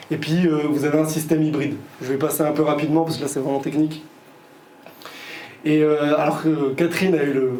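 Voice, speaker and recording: A man's voice: on the high side, darkish tone. A man giving a conference talk to a live audience. He hesitates a lot, with frequent fillers and repeated words, and slips in sarcastic, ironic asides. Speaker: guest lecturer. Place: conference hall. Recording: echoey hall, faint room noise.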